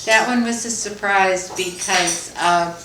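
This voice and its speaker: An older woman, a grandmother, tells family stories in a slow, chatty and emotional way. She is recorded in an echoey room at home with loud background noise and dishes clinking. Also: mid-range voice. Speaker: grandmother being interviewed. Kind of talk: casual family chat.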